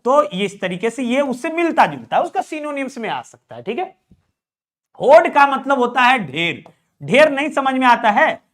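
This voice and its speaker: A man's voice: very high-pitched, big pitch swings, moderate pace, fairly bright tone. A young man teaching an English exam prep lesson. He keeps asking his students questions and then answering them himself.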